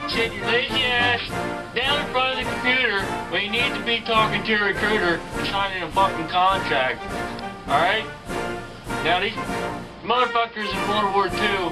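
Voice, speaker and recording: A man's voice: high-pitched, pitched above the performer's own voice, close to an everyday voice. A man playing a cursing, hectoring army recruiter. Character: loud, profane male army recruiter scolding slackers. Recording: distant mic with music behind.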